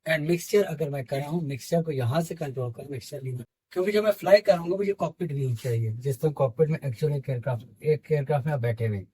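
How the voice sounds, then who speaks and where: A man's voice: fairly high pitch, fast, dark tone, slightly rough, dry recording, rough recording. A man with a Pakistani accent, a flight simulator instructor explaining the cockpit instruments, mixing English aviation terms into his talk.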